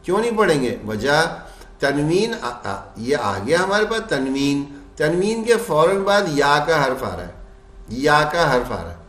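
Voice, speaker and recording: A man teaching Quran recitation rules. He puts questions to his class and answers them himself, and he chants the example verses slowly. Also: on the high side, very animated, a bit bright, echoey room.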